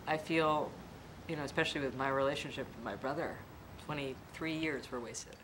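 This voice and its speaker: A woman's voice: extremely low pitch, normal speed, noisy background. A woman speaking candidly and reflectively in a documentary interview. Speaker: interviewee telling her story. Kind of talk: personal documentary testimony.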